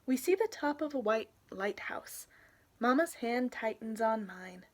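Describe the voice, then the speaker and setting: A young adult woman with a slightly high, expressive voice reads a children's picture book aloud. Her storytelling is informal, and she pauses to point out the illustrations.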